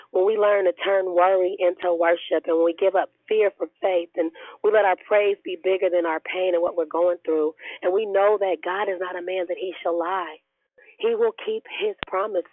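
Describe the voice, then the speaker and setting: A woman speaks over a tinny, narrow phone line in a hoarse, raspy voice that sounds unwell. Her pitch is average, and she talks and prays with earnest, conversational praise, as a speaker on a devotional call. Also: no room sound. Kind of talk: devotional talk and prayer on a group call.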